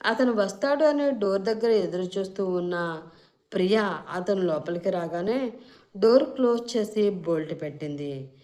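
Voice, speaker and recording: A woman reading a scripted short love story as narrator, at a steady, even pace. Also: mid-range voice, normal speed.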